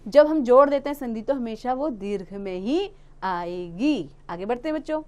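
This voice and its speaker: Lady teacher, high smooth voice, walks kids thru grammar, asks then answers herself. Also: lively intonation, darkish tone. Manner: explains step by step, asks questions and answers them herself; addresses children, often drawn-out words. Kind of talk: classroom grammar lesson.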